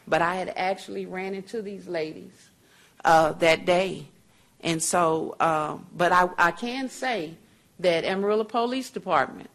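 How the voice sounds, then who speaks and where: Lady at a council podium, slow, gravelly, pleading and repeating herself. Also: fairly low pitch, fairly bright tone. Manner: pleading, repetitive, churchlike phrasing. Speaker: public commenter. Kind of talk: impassioned public comment. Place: city council chamber. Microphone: podium microphone.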